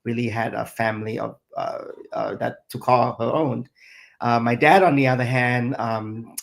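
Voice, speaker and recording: A middle-aged chef from Thailand and Singapore answers interview questions as a guest, reflectively and with many fillers. His voice is mid-range and steady, with vocal fry, at a normal speed.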